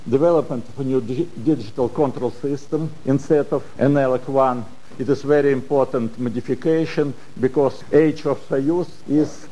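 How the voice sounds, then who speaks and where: Mellow older Russian man lecturing, faint noise. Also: medium pitch, rough recording. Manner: halting non-native English with dropped articles. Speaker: conference speaker, space engineering professor. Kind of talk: prepared technical lecture.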